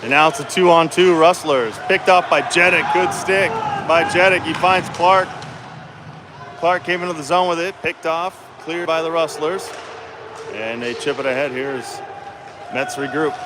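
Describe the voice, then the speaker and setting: A man's voice: a little high, fairly even intonation, measured pace. A man doing casual, colloquial live play-by-play hockey commentary, his voice echoing in a noisy indoor rink. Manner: informal, colloquial, chatty with exclamations. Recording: echoey noisy rink, ambient clatter. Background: clear rink noise and ambience.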